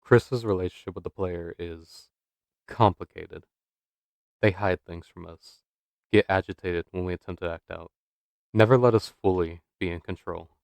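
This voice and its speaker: A man giving scripted narration for a video essay, measured and dramatic, posing rhetorical questions. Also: sits low, vocal fry, darkish tone, no echo.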